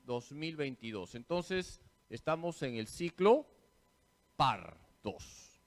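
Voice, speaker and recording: Man, priest, slow and animated, quizzes the room and repeats points like a teacher. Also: on the high side. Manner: quizzes listeners with questions, then answers them himself. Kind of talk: parish catechesis talk.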